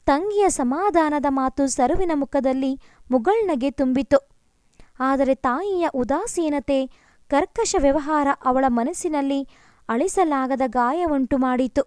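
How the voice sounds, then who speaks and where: A woman's voice: sits high, slow, darkish tone, dry recording, studio quality. A woman narrating a family story, reading steadily and expressively.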